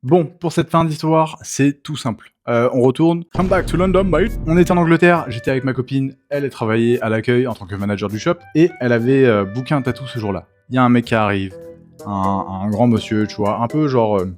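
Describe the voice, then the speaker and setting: A young man, a tattoo artist, telling wild shop stories in a lively, slangy vlog, leaping up in pitch for emphasis. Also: fairly quick, faint music behind. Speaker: tattoo artist and channel host. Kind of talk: animated storytelling vlog.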